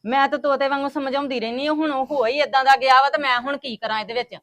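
A woman's voice: high-pitched, steady tone, quick pace, a bit bright, no echo, studio quality. A woman playing a grandmother, talking in a coaxing, consoling way in a family web drama.

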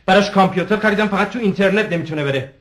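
A stiff, defensive patient. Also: male voice, high-pitched, a bit bright. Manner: defensive, halting answers. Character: stiff, overprotective man recounting his family.

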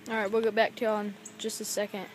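A woman's voice: medium pitch, level tone, fast, slight background noise. A woman talking casually in a fishing vlog outdoors by a pond, joking and laid-back.

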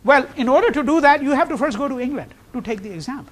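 Brief: male lecturer, higher voice, lively classroom delivery, questions to the students. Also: fast. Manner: animated, rhetorical questions, frequent "okay?" and "right?". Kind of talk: university history lecture.

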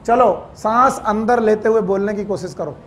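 A high-pitched man teaches a biology class lecture in Hindi sprinkled with English terms, quizzing his students, scolding them, and cracking jokes. He talks at a moderate pace against a noisy background.

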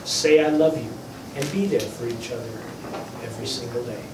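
A man's voice: medium pitch, moderate pace. A man officiating a vow renewal as an [name] impersonator, ceremonial with playful catchphrases. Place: small indoor wedding chapel. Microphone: distant camera mic. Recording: echoey room, distant mic, faint noise.

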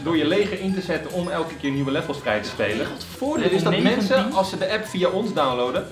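Hoge mannenstem in een galmende kamer. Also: male voice, high-pitched, big pitch swings, a little fast. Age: 20s. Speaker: vlogger presenting a sponsor. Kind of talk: casual improvised promotion. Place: living room. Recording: echoey room, faint music.

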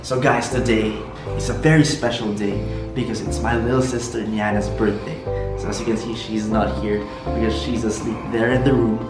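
A young man hosting a casual vlog, talking to the camera in an excitable, slangy way in a living room. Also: on the low side, normal speed, hardly any pauses. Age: young adult. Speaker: vlogger host. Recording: echoey room, loud music over voice. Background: loud music.

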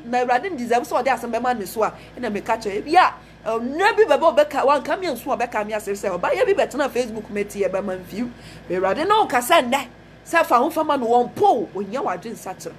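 A woman's voice: high-pitched, a little hiss or hum. A woman with a Ghanaian accent preaching a fervent message, repeating phrases and mixing Twi with English. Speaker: prophetess.

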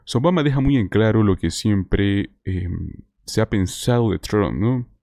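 A man's voice: fairly low pitch, lively intonation, a little slow, vocal fry, mellow, no room sound, clean studio sound. A man in his thirties giving conversational online news commentary to viewers, full of rhetorical questions. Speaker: political commentator. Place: small indoor streaming setup. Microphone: close desk microphone with headphones.

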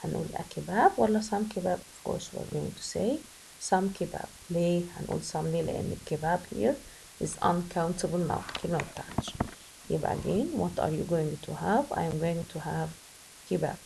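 A woman with an Egyptian Arabic accent teaching an English grammar lesson, switching between slow English and quick Arabic explanations. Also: on the low side, creaky, warm tone, a little hiss or hum, low-quality recording.

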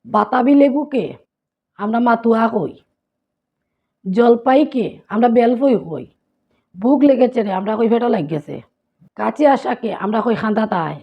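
A woman's voice: fairly high pitch, normal speed, pauses often, husky, dull audio. A woman from Sylhet with a Sylheti Bengali accent, vlogging casually and listing local words one after another. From Sylhet, Bangladesh. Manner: repetitive, listing words and their local forms. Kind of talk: casual vlog teaching dialect words.

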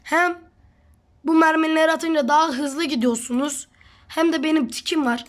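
A woman's voice: sits high, fairly even intonation, normal speed. A woman casually commenting on her own gameplay, teasing her teammate and talking to viewers. She says she is sick. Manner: chatty, teasing, addresses viewers. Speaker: gamer and channel host.

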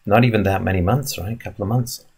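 A man's voice: fairly low pitch, fast, a little mellow, breathy edge. A man in his fifties talking casually on a live stream from an indoor room, musing and rambling with many fillers and restarts as he answers chat questions. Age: 50s. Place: indoor room in front of a wooden wall.

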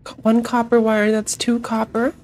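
A woman's voice: a little high, monotone, moderate pace, a little mellow. A woman streaming a co-op game in casual, swear-filled chat, her voice thick with phlegm in the morning. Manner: swears a lot, blunt and chatty.

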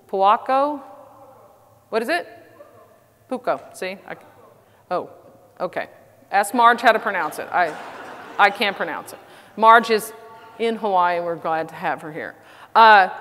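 A woman's voice: fairly low pitch, fairly bright tone. A middle-aged woman with a Texas accent giving a conference talk, chatty and self-deprecating with frequent fillers. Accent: Texan. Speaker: conference speaker. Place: large conference hall. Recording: reverberant conference hall.

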